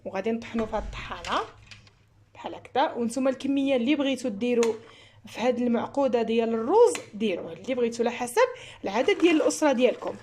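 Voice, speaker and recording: A Moroccan-accented woman hosts a home cooking tutorial, talking fast and chatty as she explains every step. Her voice sits a little high, and a faint hum of background noise runs under the recording. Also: animated, dark tone. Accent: Moroccan Arabic. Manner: chatty, explains each step while working. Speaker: cooking channel host.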